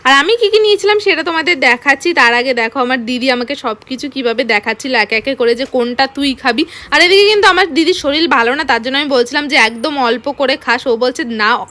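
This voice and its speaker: High, bright-voiced chatty woman vlogger. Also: fairly quick, few pauses. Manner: chatty, lively storytelling. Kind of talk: voice-over narration of a family outing.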